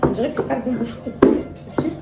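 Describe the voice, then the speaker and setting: A young mother vlogging casually at home, rambling and animated with many restarts, and cooing affectionately to her children. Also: fast talker. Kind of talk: casual vlog chat to viewers. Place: home with kitchen. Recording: echoey room with background noise.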